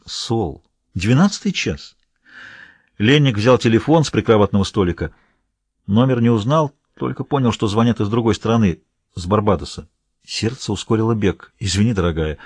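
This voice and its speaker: A man narrating an audiobook in a measured, steady reading voice. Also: lowish voice, breathy edge, no room sound. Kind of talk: scripted narration.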